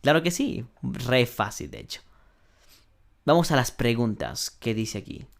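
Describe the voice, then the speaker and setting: A man leads an online English grammar class at an unhurried, deliberate pace. He walks through each exercise step by step and translates every example. He draws out the English sentences slowly so learners can repeat them. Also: mid-range voice, animated, creaky. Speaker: English teacher.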